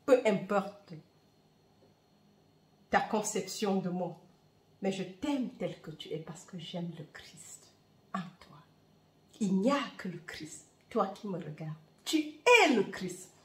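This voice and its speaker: Slow, lively Bamileke-accented woman. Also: mid-range voice, echoey room. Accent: Bamileke-accented French. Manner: warm, fervent, with hesitant fillers. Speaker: spiritual reader and channel host. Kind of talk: heartfelt spiritual talk to viewers.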